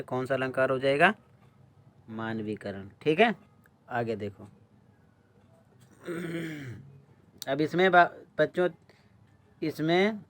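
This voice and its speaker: A man teaching a Hindi lesson for exams. He quizzes his students and answers his own questions, and he clears his throat often. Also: mid-range voice. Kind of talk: exam-prep lesson explaining answers.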